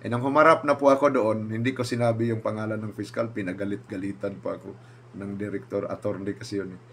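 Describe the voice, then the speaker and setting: A man's voice: lowish voice, fast talker, slight background noise. A man, a pastor, telling a personal story and acting out what others said. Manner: animated, acts out quoted speakers with raised voice.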